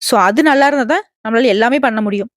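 A woman's voice: fairly high pitch, fast talker, no echo, clean studio sound. A woman giving an earnest, reassuring devotional horoscope talk, speaking straight to her viewers. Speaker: astrology channel host.

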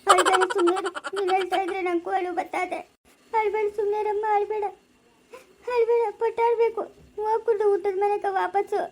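A woman playing a kindly old village grandmother who comforts a young woman, repeating soft words of consolation. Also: very high voice, flat delivery, fast talker, background noise. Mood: consoling.

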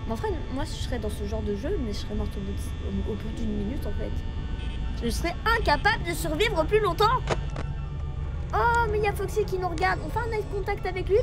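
A young woman talks over her gameplay in a strikingly high voice, casual and playful. She jokes and chats to the game's characters like old friends, stuffy from a cold. Music plays clearly behind her. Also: a little fast. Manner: joking, chatty, teasing the game characters. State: has a cold. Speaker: gaming video host. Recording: music playing in the background.

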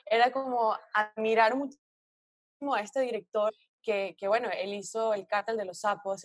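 A woman with a Venezuelan accent tells stories from her acting work in a lively, chatty way. Her voice sits fairly high, and she often acts out her own past words and other people's. The sound is dry and close, with no room echo. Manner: animated storytelling, quotes herself and others. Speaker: actress guest. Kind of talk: casual interview chat.

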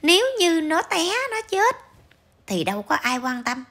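A woman's voice: high-pitched, sing-song, a little slow, a bit bright. A woman ranting to her viewers in a scolding, emphatic way, full of rhetorical questions. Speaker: vlogger commentator.

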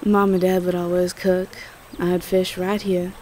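In an intimate roleplay audio, a woman with a Southern US accent plays an affectionate, cheerful young Southern belle girlfriend, sounding delighted and encouraging. Her natural voice is fairly low and darkish, with little pitch movement and an unhurried pace. There's slight background noise.

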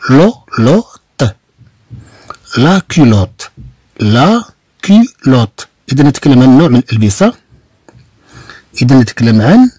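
A man with a Moroccan Arabic accent gives a beginner's French lesson, sounding out words syllable by syllable. His voice is husky and mellow, with a lively pitch that climbs and falls. The sound is dry and close. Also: dry recording. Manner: slow, deliberate, repeats and spells out each word. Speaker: French teacher. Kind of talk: online language lesson.

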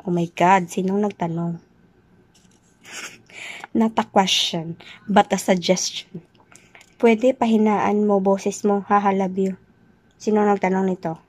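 A young woman from the Philippines, a nurse working abroad, chatting loudly and teasingly as she answers questions in a casual vlog. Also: mid-range voice, fairly even intonation, takes it slowly, long pauses. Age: young adult. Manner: loud, chatty, teasing, jokes then says she's kidding. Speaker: vlogger, overseas dental nurse.

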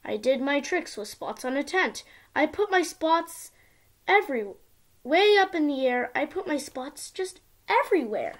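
A girl of about ten with an expressive, sing-song delivery, reading a storybook aloud as if to small children. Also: sits high, a little slow. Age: child, around ten. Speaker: young video channel host reading a picture book. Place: small indoor room at home.

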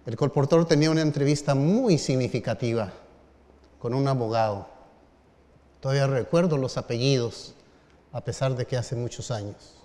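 A middle-aged pastor delivers a storytelling sermon in a dark, medium-pitched voice, taking his time with pauses and rising emphasis. A long reverb suggests a large hall or church.

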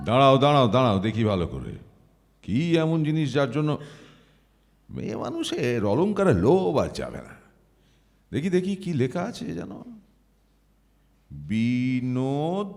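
A man's voice: medium pitch, huge pitch swings, measured pace, pauses often, a little mellow. A male actor playing a pompous, moralizing middle-aged judge who declaims his verdicts, in a live stage audio play. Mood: scornful, curious. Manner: declaiming, self-righteous. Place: auditorium stage. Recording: live hall with long reverb.

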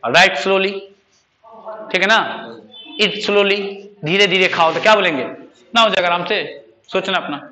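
A man's voice: sits high, pushed and bright. A man teaching a spoken English class, quizzing students with repeated questions. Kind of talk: classroom lesson.

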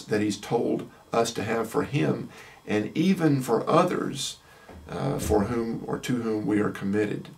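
Gravelly low-voiced man teaching scripture. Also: distant mic. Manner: measured, explanatory, many "uh" pauses. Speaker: chaplain teaching a Bible lesson. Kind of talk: unscripted teaching talk.

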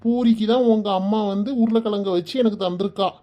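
A woman voicing a caring village father in an animated cartoon, soothing and fatherly. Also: medium pitch, quick pace, lo-fi sound, close to an everyday voice. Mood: comic. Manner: soothing, fatherly advice and comic storytelling. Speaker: father figure. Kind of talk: Tamil cartoon voice acting.

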